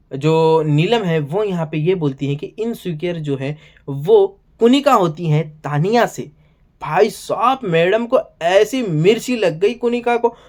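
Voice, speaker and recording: Male reviewer, high voice, chatty casual recap style with plenty of filler. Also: a little mellow. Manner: chatty, keeps saying "bhai" and "yahan pe". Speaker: show reviewer.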